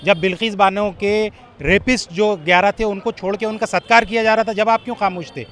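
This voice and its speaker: A man's voice: high voice, steady tone, fairly quick, fairly bright tone. Emphatic man making a political case. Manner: emphatic and accusing, like a speech. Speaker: local supporter interviewed on the street. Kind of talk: street interview, political speech.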